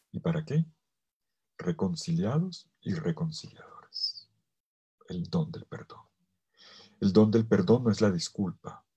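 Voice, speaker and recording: A male priest giving a theology lecture, swinging between loud emphasis and soft, almost whispered phrases, and stretching key words slowly for weight. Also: sits low, slightly rough. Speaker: priest teaching a theology course. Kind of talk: theology lecture to a virtual audience.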